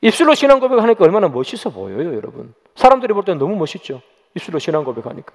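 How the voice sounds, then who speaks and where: A man's voice: high-pitched, huge pitch swings, rapid-fire. A man preaching a sermon as pastor, dramatic and questioning the congregation, acting out quoted voices. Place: church sanctuary. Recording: long church reverb.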